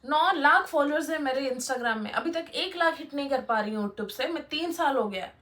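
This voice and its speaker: A woman's voice: high voice, moderate pace, a bit bright. A young woman vlogger giving blunt, lecturing motivational advice, talking straight to her viewers. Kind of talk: motivational casual talk to camera.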